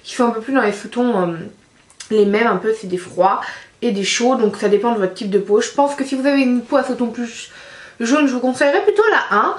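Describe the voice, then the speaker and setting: A woman chats through a makeup palette review in a relaxed, rambling way, pausing often on fillers. Her voice sits a little high. The room around her rings with a noticeable echo. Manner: chatty, lots of hesitations. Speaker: beauty vlogger. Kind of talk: casual product review.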